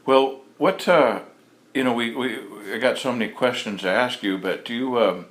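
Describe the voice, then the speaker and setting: A male interviewer asking curious, halting questions with frequent fillers. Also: medium pitch. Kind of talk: casual interview. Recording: echoey room with faint ambience.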